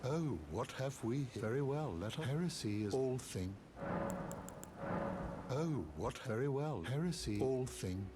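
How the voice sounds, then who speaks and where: An actor playing a haughty, measured man in a fantasy video game. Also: mid-range voice, lively intonation, natural voice. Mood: solemn, disdainful. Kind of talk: scripted video game dialogue. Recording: quiet game audio under loud music.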